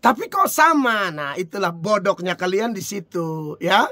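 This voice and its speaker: Man, preacher, informal sermon, high voice, dry recording. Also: unhurried, no echo. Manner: rhetorical questions, chuckling, lively.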